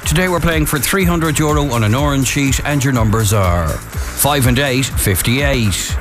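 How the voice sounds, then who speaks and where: An Irish man working as a radio bingo caller, reading out numbers in a deliberate, drawn-out way. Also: mid-range voice. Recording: music bed behind voice. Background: music.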